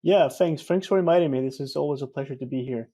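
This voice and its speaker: A guest researcher from Argentina, a man in his thirties, answers interview questions in a relaxed, explanatory manner, filling his speech with frequent fillers. His voice is slightly high and his pace quick.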